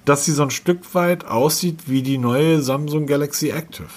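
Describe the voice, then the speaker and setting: A man's voice: on the high side, normal speed. A man co-hosting a casual tech podcast, rambling with many fillers and restarts. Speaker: podcast co-host.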